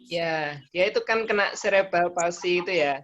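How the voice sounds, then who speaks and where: A man's voice: high voice, moderate pace, a bit bright, dull audio. A man calling in from a stand-up comedy community, chatting casually and rambling a bit. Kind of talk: casual phone-in chat.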